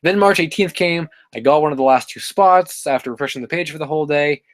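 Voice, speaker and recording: A man's voice: a little high, quick pace, no room sound. A man hosting a casual live stream, reading chat and rambling with many fillers and self-corrections. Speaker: livestream host reading chat.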